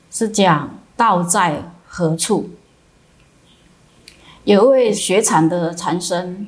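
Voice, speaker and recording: Woman Buddhist teacher, calm sermon reading, low voice, very slow delivery. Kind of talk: sermon reading with koan stories.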